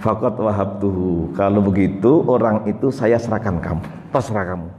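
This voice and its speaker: A man preaching, voicing a calm and grave divine figure, slow and solemn. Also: fairly low pitch, slight background noise, pitched below the performer's own voice, natural voice. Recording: echoey hall, dull lo-fi sound.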